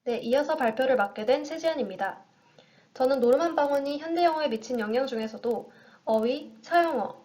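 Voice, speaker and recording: Young woman with a higher voice presenting formally. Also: a little mellow. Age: young adult. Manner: formal and orderly. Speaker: university student presenter. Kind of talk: scripted class presentation.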